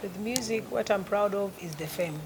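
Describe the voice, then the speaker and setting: A woman's voice: mid-range voice, normal speed. A woman, a musician chatting as a guest in an interview, who repeats words for emphasis. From Uganda. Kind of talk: casual interview chat. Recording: loud crowd in background. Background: crowd noise.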